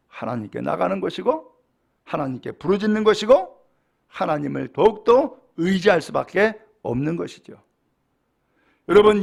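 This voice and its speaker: Middle-aged guy preaching a sermon, gravelly voice, acts out the quotes. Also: sits high. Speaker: pastor.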